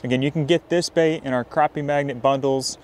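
A young man narrating his night fishing trip by a riverbank in a casual vlog style. He gets excitable, whooping and hollering whenever a fish bites. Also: medium pitch, a little fast, a little hiss or hum. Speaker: fishing vlogger. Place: riverbank near a dam at night, outdoors.

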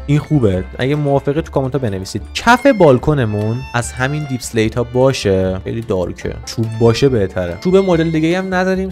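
A man talking casually through a building game at a middle pitch. He stays excitable and teasing, calls out to the in-game animals, and jokes as he goes. Soft music sits quietly behind him. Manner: excitable, teasing, chatters to the game's animals and villagers. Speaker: gaming channel host. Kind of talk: casual let's-play commentary.

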